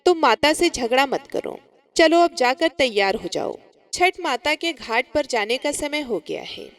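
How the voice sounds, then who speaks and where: A woman's voice: high voice, expressive, a little slow. Woman doing a mild, coaxing young husband.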